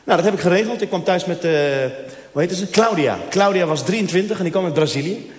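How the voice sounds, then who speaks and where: A man with a high-pitched voice talks fast through a stand-up routine, casually telling a story and making asides to the crowd in a live hall. The recording has an echoey hall sound and faint noise.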